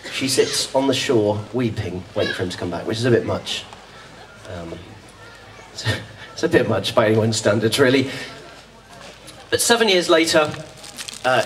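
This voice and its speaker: Dry, rambling British folk singer joking on stage. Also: male voice, mid-range voice, slight background noise. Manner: self-deprecating, dry, rambling humour. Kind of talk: stage banter between songs. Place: outdoor festival stage. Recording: distant outdoor live recording.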